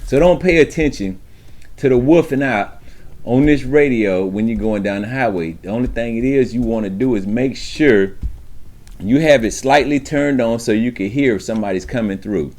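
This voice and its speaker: This man has a medium-pitched, darkish voice and speaks at normal speed. His informal monologue to camera casts him as a trucker advising beginners, streetwise and emphatic, with frequent check-ins to his audience.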